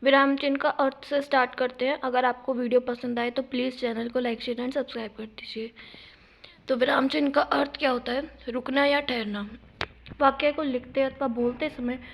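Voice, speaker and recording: A woman's voice: high-pitched, vocal fry, muffled recording, a little hiss or hum. A young woman teaching a grammar lesson on her own channel, explaining terms step by step and reading out example sentences. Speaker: YouTube teacher.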